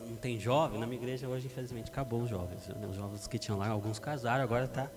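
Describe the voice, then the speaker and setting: A middle-aged Brazilian man preaching a sermon as pastor, lively and acting out parents and teens in a church hall. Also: medium pitch, very fast. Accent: Brazilian Portuguese. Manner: animated, acts out parents and teens. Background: background music.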